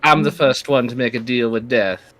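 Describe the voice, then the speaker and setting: A man's voice: medium pitch, normal speed, fairly bright tone, pitched above the performer's own voice, lightly acted. A man voicing a suave, gloating mustache-twirling villain in a tabletop game, taunting and theatrical, with music behind him. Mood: boastful, gloating.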